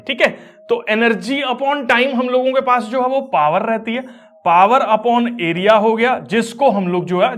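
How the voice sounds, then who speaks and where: Guy teaching physics online, with terms, keeps repeating fillers, explains step by step. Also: extremely high pitch.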